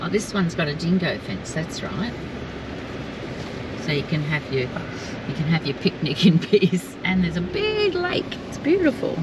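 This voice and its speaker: A woman's voice: fairly low pitch, very animated, measured pace. An Australian woman chatting casually as she tours outdoors, laughing often and pointing things out. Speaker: travel vlogger. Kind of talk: casual chat while touring. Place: outdoors, driving the beach and walking bush tracks. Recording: outdoor video with noticeable background noise.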